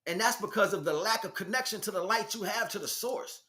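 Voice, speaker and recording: A man with a high-sitting voice and a sharp tone talks fairly quickly. As a spiritual teacher, he lectures with passion and informality, using emphatic street slang and plenty of rhetorical questions.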